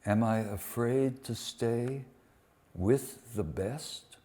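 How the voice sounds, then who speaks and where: At a public poetry reading in a museum, a man reads poems to a live audience at a very unhurried pace, with deliberate, dramatic phrasing and weighty pauses. He also acts as presenter, handling informal introductions in the same measured style. His voice is medium-pitched and warm.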